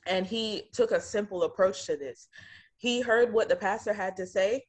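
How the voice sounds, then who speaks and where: A woman's voice: medium pitch, moderate pace, slightly rough. A woman co-hosting a reality TV reaction show, talking in casual slang and laughing often.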